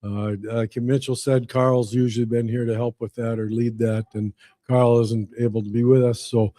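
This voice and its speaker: Male event host, very mellow dark tone, dry sound, folksy and halting. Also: mid-range voice, flat delivery, no echo. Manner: halting, folksy, frequent pauses. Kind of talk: unscripted announcing to an audience.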